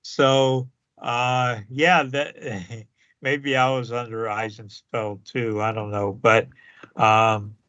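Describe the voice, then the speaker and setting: A man co-hosting a podcast in casual chat, halting and full of fillers, chuckling now and then. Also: medium pitch, level tone, fairly bright tone, clear, resonant tone, no echo, muffled recording. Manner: halting, many fillers and restarts, chuckles often. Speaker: podcast co-host.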